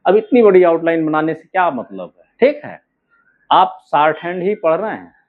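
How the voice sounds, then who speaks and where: A man's voice: on the high side, sing-song. A man teaching shorthand outlines word by word. He stretches out each word and keeps checking with "ठीक है" and "है ना". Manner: slow, drawn-out words, frequent "ठीक है" and "है ना" checks. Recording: narrow phone-like sound.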